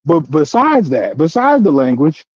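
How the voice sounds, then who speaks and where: A man's voice: fairly high pitch, big pitch swings, a little slow, husky, no echo. A man in a casual panel discussion, speaking hesitantly and repeating words as he searches for them. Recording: dull, dry lo-fi sound.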